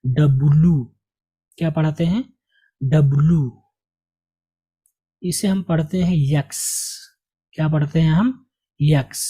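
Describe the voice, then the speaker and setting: In a slow spoken lesson, a man with a higher, dark-toned voice and a breathy edge teaches English letters. He's patient and repetitive, posing questions to the learner and answering them himself.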